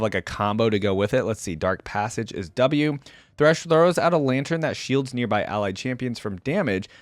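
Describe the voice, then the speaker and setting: A reaction video host with a mid-range voice offers casual commentary, thinking aloud tentatively and occasionally reading text out. The studio-quality recording has no room sound.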